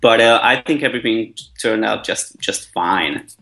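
A man, a guest answering interview questions in a friendly, relaxed way, thinking aloud as he talks. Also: fairly low pitch, normal speed, creaky, poor audio. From Hungary. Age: 20s.

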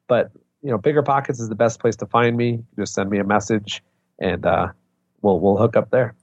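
A man with a fairly low voice chats casually as an interview guest. The recording is a little dull and lo-fi, with a dry sound. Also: fairly even intonation, normal speed, dry recording. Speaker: podcast guest, real estate investor. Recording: slightly dull lo-fi connection.

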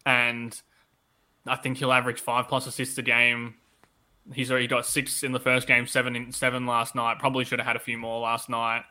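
Male sports podcast co-host, very bright forward tone, conversational and analytical, voice touched by tonsillitis. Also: mid-range voice, monotone, fairly quick. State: tonsillitis-affected voice that comes and goes. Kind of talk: casual sports podcast chat.

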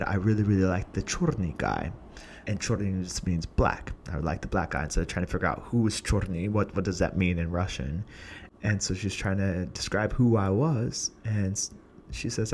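A young man earnestly telling a personal story about growing up and joining a singing community, reflective and unhurried. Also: on the low side, slight background noise. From Portland, USA. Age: young adult. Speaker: singer telling his story.

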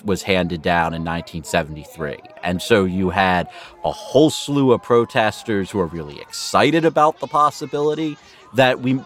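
An American man speaking as a legal correspondent, explaining things emphatically in an interview. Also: lowish voice.

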